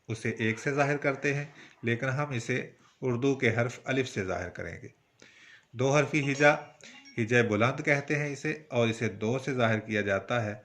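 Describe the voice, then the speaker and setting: Brief: Pakistani man with a Punjabi-tinged accent, mid-pitched voice, poetry teacher, slow and methodical, sounds out syllables. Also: fairly bright tone. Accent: Punjabi-influenced Urdu. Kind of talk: instructional lesson.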